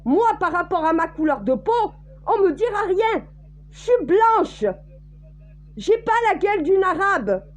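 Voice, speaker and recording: A woman's voice: very high-pitched, sing-song, measured pace. A woman from France speaking blunt, crude and direct to her listeners in a casual monologue.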